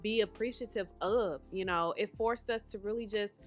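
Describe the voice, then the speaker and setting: A woman in her thirties hosts a podcast from home, chatting casually and calling listeners honey and baby. Her mid-range voice moves at a moderate pace and sounds a little nasal and congested today, with faint music in the background.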